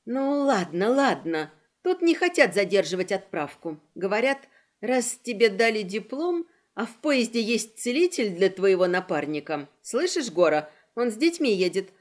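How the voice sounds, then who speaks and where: A woman's voice: mid-range voice, very animated, normal speed. A woman voicing a brash, irritated young female dispatcher calling over a magic signal circle, bossy and snappy. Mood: bossy, annoyed. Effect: voice through a magic signal circle.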